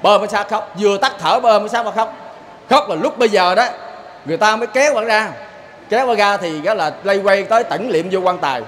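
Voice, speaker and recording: High-voiced Southern Vietnamese man preaching. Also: quick pace, fairly bright tone, slight background noise. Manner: folksy, keeps asking "see?" of the listeners. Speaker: Buddhist lay preacher. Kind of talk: sermon with storytelling.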